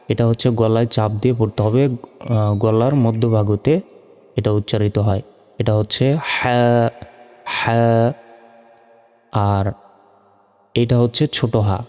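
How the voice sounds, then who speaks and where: Slow, dark-voiced man teaching letter sounds. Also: mid-range voice. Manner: drawls letter names, repeats each sound. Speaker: Quran teacher. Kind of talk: slow step-by-step recitation lesson. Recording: long hall reverb with faint music.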